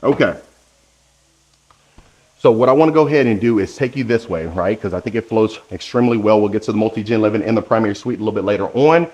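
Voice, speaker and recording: A man with a fairly low voice leads a walking house tour indoors. He sounds enthusiastic and salesy, pointing out features and talking straight to the viewer. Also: fast, darkish tone. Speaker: home tour host. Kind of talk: walkthrough house tour narration. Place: indoors, new model home.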